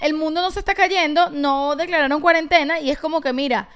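A woman's voice: high voice, a little fast, fairly bright tone. A young woman co-hosting a podcast, chatting expressively and laughing easily. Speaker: podcast co-host. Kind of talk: casual chat.

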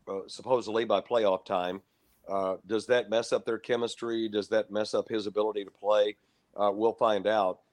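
Older broadcaster, even standard delivery. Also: male voice, lowish voice. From Lubbock, Texas. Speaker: guest, longtime basketball broadcaster. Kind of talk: casual radio interview.

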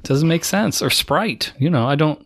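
A man's voice: a little high, animated, normal speed, slightly rough. A man hosting a podcast, chatting casually in a playful, rambling, mock-scientific way. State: catching his breath. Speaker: podcast host. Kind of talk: casual chat.

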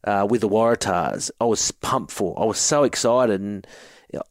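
A man's voice: on the low side, moderate pace, dry recording. An Australian man in his forties, a co-host telling jokey stories in casual chat and calling people mate. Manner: jokey yarn-spinner, says mate often. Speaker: co-host, former rugby forward.

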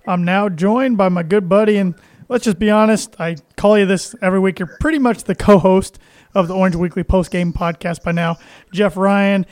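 A man's voice: high voice, fairly even intonation, normal speed, a little mellow, no room sound. A man hosting a casual sports podcast, chatty and friendly, with frequent "uh" and "um" fillers. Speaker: podcast host.

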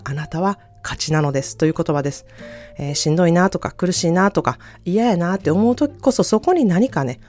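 A woman hosting a self-care podcast, speaking gently and encouragingly. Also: medium pitch. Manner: gentle, encouraging, repeats phrases slowly. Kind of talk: solo podcast talk.

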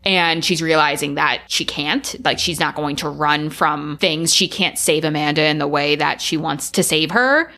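A woman co-hosting a podcast, talking through a horror film in an excited, emphatic way and swearing freely. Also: deep voice, normal speed, few pauses. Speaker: podcast co-host. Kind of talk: casual film discussion.

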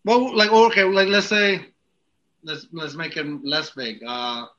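A man's voice: fairly high pitch, sing-song, a little slow, fairly bright tone, dull audio. A man hosting a casual podcast chat, reading out listener questions and joking along with laughs.

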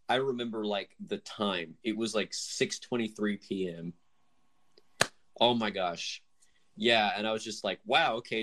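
A man's voice: fairly low pitch, bright, forceful tone. A young man co-hosting a podcast, chatting casually and enthusiastically, rambling and joking at his own expense. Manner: rambling, enthusiastic, self-deprecating with laughs. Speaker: podcast co-host.

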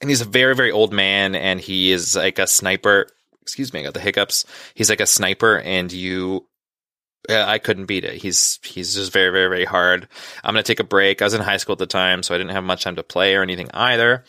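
A man's voice: sits low, steady tone, fast talker, pushed and bright, smooth, no room sound, studio quality. A man chatting casually about video games, rambling with lots of fillers and restarts.

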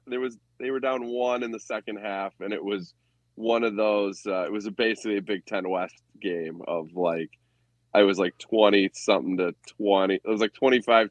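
Podcast co-host, man, low voice, dry humor, casual banter. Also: steady tone, a little fast, dry recording. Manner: wry, dry jokes. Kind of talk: casual sports betting chat.

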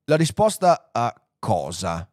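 A man voicing a calm, solemn, ancient male supercomputer, speaking low and slowly. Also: no echo, studio quality, full character voice. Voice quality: slow, low, deliberate.

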